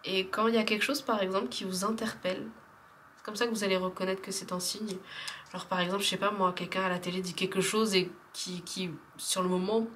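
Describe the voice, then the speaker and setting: Soft-spoken French woman reading tarot cards. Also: medium pitch, slight background noise. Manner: chatty, hesitant, many fillers, often drops to a soft whisper. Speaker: tarot card reader. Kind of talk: casual spiritual card reading.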